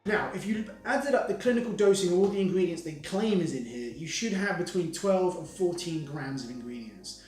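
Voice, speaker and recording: A man's voice: high voice, lively intonation, brisk, few pauses, a little mellow, echoey room, faint music behind. A man giving a blunt, indignant product review of a supplement, swearing freely as he goes through the label.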